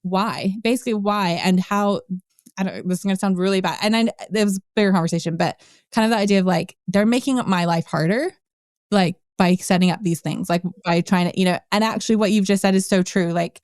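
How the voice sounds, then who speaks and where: A woman's voice: medium pitch, brisk, a little mellow, clear, resonant tone, dry recording, clean studio sound. A middle-aged woman hosting a podcast interview, chatty and laughing often, with many restarts and fillers. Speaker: podcast host. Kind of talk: casual interview chat.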